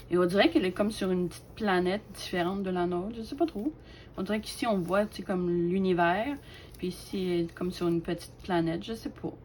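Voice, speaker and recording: A woman, casually showing off her craft collection, chatty and hesitant with lots of fillers and soft laughs. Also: lowish voice, slight background noise. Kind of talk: casual show-and-tell.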